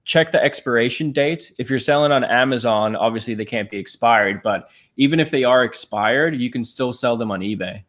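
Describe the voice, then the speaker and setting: Sitting on a living room couch, this thirties-aged co-host of a reseller livestream talks upbeat while holding items up for viewers. He has a mid-range, a bit bright voice and speaks fairly quickly with few pauses. Sound comes from a fixed camera across the room.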